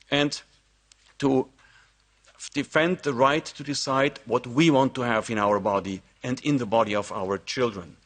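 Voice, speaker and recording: A man's voice: medium pitch, a bit bright. Man in a mid-range voice, formal prepared speech, earnest and declamatory, closes on a rallying note. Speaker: presenter of an initiative.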